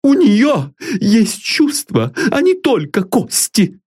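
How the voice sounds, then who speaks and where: A man doing a shrill devoted old maidservant. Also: huge pitch swings, takes it slowly, darkish tone, husky, heavily acted. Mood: protective. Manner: pious exclamations, chatty. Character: devoted old female servant, blunt and folksy. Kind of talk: audiobook reading.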